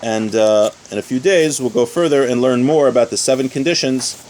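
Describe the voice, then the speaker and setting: This man teaches an informal religious lesson, reading the source text first and then working through it step by step, rephrasing and repeating ideas with everyday examples. He talks a little fast in a medium-pitched, a little mellow voice. The recording quality is low.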